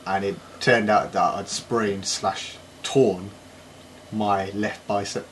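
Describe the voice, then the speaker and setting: A man's voice: fairly low pitch, fairly even intonation, slow, a bit bright, slight background noise. A man co-hosting a casual tech podcast, speaking in a dry, sarcastic way. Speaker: podcast co-host. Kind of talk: casual chat.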